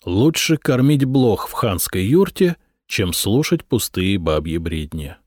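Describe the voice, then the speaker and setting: A man's voice: on the low side, big pitch swings, a little slow, a little mellow, no room sound, studio quality. A man narrating a historical novel as an audiobook, telling it expressively and growling the prince's lines.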